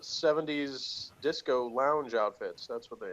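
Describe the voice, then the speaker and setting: Reviewing an episode on his podcast, this man keeps it casual and sarcastic, chuckling often as he reads his notes. His mid-range voice is a bit bright, and his pace is measured. The recording has a dull, lo-fi quality.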